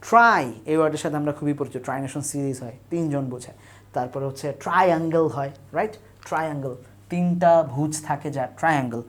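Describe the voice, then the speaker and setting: A woman's voice: deep voice, brisk. A young woman gives an online class on English word roots. She explains step by step, lists examples and often asks "right?" to check. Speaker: teacher. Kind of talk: online admission-test English lesson. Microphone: camera on a tripod.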